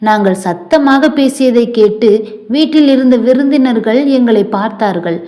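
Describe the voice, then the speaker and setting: A woman's voice: fairly high pitch, moderate pace. Woman narrating a dramatic story. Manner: steady, recounting, dramatic. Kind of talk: first-person story narration.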